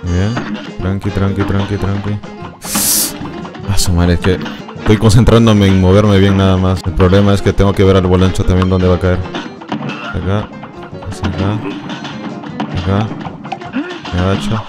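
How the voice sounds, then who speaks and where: Over loud game music, a man streams a game with live commentary, muttering to himself, barking orders at his character, and yelping and laughing excitably when things go wrong. His voice is deep, at normal speed, with frequent pauses.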